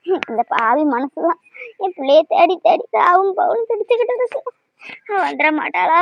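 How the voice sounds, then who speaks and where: A woman's voice: sits high, creaky, dull audio. A woman voicing a worried older mother in a cartoon, lamenting and complaining in long sighing runs. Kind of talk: cartoon voice acting.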